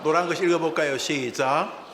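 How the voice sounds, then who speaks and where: A man's voice: on the high side, brisk, background noise. A man preaching a sermon as senior pastor, leading the congregation in call-and-response and having them repeat phrases. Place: church sanctuary. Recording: reverberant church hall.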